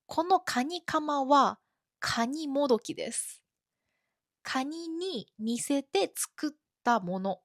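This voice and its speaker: A woman teaching Japanese in a podcast lesson for learners, explaining words slowly and deliberately with examples. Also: fairly high pitch, no echo, studio quality.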